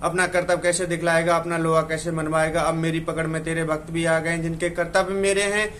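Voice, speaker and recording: A man's voice: on the high side, flat delivery, a little fast, a bit bright, slight background noise, close to an everyday voice. A man reciting verse in the voice of a boastful, defiant male demon in a devotional poem. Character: arrogant demon Kali, boastful male evil spirit.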